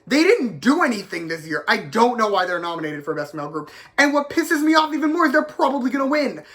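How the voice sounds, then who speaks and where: A man's voice: very high-pitched, sing-song, quick pace, fairly bright tone. A man vlogging at home, giving blunt, sarcastic and heated opinions to camera, with a fair amount of swearing. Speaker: K-pop commentary vlogger. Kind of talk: opinionated casual rant to camera. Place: home, with a dog nearby.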